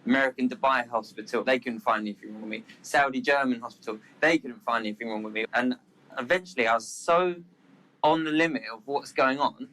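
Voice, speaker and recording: Man guest, bright voice, earnest and plain-spoken. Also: mid-range voice, fairly quick, rough recording. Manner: earnest, with a lot of "like". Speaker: guest, sales director. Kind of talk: casual interview storytelling.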